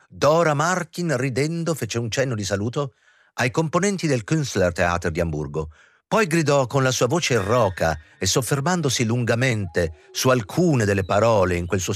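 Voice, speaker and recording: A man giving an expressive, theatrical audiobook reading of a novel. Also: fairly low pitch. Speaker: audiobook reader. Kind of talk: literary audiobook narration.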